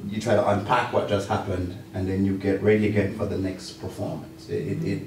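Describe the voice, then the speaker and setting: Jamaican accent guy talking in a meeting, lowish voice, bit of room noise. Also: little pitch movement, fairly quick, a little mellow. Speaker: college faculty member. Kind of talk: reflective round-table discussion. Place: small indoor meeting room. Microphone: far camera or room mic. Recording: distant mic, echoey room, some noise.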